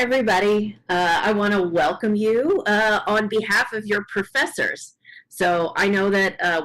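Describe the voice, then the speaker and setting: A woman welcoming new students on a video call, hoarse and losing her voice, earnest and with many fillers. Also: lowish voice, fairly bright tone, rough recording. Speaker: faculty speaker at student welcome session. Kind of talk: welcome address on a webinar.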